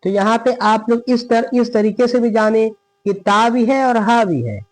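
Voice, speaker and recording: A man teaching Quran recitation, patient and repetitive, who asks and answers his own questions and slows to a drawn-out chant for example verses. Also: high-pitched, expressive, faint music behind, poor audio. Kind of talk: lesson.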